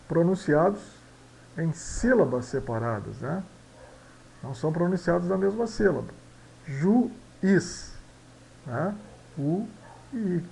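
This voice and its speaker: A man's voice: high voice, creaky, mellow, low-quality recording. A man teaching basic phonology, explaining step by step and often checking in with tag questions. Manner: explanatory, frequent tag questions, slow and repetitive. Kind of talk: explaining Portuguese phonology exercises.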